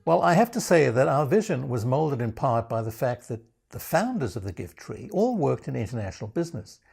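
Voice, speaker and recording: A man with a gravelly, slightly husky voice introduces his program on video. His pitch swings widely as he delivers teasing, self-mocking asides in a dry, knowing way. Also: very animated, a little fast, a little mellow, faint music behind. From South Africa. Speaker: program founder presenting.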